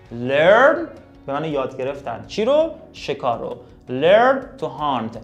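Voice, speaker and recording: A man teaching English vocabulary and grammar, explaining emphatically and talking directly to his students. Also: on the high side. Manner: drills words, slows down to read sentences.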